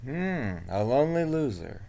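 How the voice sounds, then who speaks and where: A man's voice: medium pitch, very animated, a little slow, dark tone. A man talking casually in an improvised role-play, blunt and offhand, with a dismissive streak.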